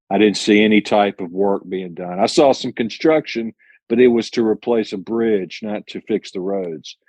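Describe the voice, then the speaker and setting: Speaking with a lowish, slightly mellow voice on a dry recording, a man answers an interviewer's questions. He's an owner-operator truck driver, and his replies are earnest and plainspoken, full of restarts and self-corrections.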